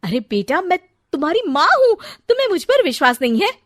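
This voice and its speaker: A woman voicing a sharp-tongued, bossy middle-aged mother-in-law who scolds loudly in a cartoon story. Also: a little fast. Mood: outraged. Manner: scolding, shrill when angry.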